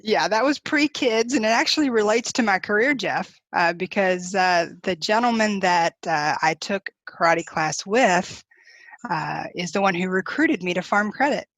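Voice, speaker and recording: A woman's voice: medium pitch, lively intonation, moderate pace, no echo. Chatty woman guest in her forties. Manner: warm, chatty, with light laughs and fillers. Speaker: interview guest. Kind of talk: casual interview.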